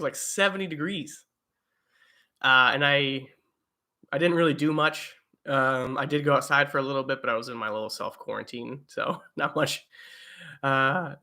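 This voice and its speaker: Young male streamer, bright voice, loose rambling delivery full of "uh"s. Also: a little high. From eastern United States. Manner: rambling, lots of fillers and restarts. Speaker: livestream host. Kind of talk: casual live chat reading viewer comments. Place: home, indoors.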